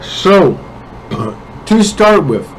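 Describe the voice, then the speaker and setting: A forex trading analyst with a cold gives his weekly market predictions casually in a congested voice, often checking in with the listener with "okay?". His high voice is sing-song and very slow. The low-quality recording carries slight background noise.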